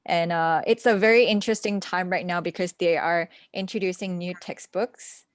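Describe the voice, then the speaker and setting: On a video call for a relaxed online conference, a young woman from Malaysia who works as an assistant language teacher chats away with plenty of fillers and small laughs. Her fairly low voice keeps a steady tone at a moderate pace, and the sound is clean and studio-like with no room sound.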